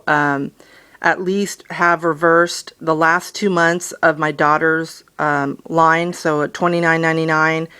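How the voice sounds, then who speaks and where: A woman's voice: low voice, a bit bright, clean tone. A middle-aged woman, a customer on a phone call, explaining in a conversational, persistent way. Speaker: customer calling about a bill.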